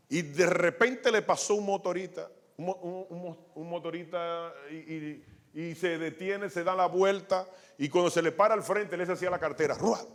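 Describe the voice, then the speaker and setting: Animated male pastor preaching. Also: a little high. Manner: storytelling, acting out quotes, many restarts. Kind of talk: sermon with testimony.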